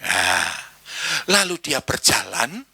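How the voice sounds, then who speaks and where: A man with an East Javanese accent preaching a sermon in church, animated and slipping into Javanese slang while acting out voices. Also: medium pitch, takes it slowly, creaky, slightly rough, dry recording. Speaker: pastor.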